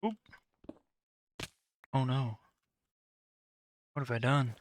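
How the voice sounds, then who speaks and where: A male game streamer chatting casually on a live stream, greeting viewers by name in an easygoing, low-key way. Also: steady tone, extremely slow, a little hiss or hum. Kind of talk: casual live-stream chat while playing.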